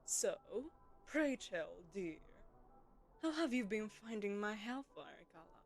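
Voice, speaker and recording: A voice actress plays a poised, commanding telepathic queen hosting a lavish gala, addressing the listener in a silken, condescending, persuasive audio roleplay. Her medium-pitched voice is sing-song and slow, with soft music in the background.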